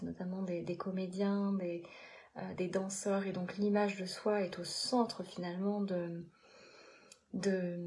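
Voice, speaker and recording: Chatty woman meditation coach, low voice with a gravelly fry, halting and encouraging, many restarts. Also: a little mellow, a little hiss or hum. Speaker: meditation coach and channel host. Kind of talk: casual live-stream talk after a guided meditation.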